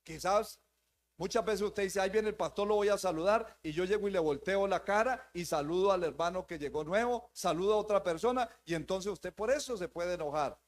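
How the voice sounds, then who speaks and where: A man's voice: high-pitched, a little fast. A man preaching a sermon to his congregation as pastor, emphatic and repetitive, calling them brothers. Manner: emphatic, repeats phrases, addresses the congregation as brothers. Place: church, before a live congregation.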